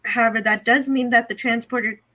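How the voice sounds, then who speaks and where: Co-hosting a review show, a woman casually recaps and discusses an episode, analyzing and explaining as she goes. Her fairly high voice holds a steady tone and moves fairly quickly, sounding pushed and bright.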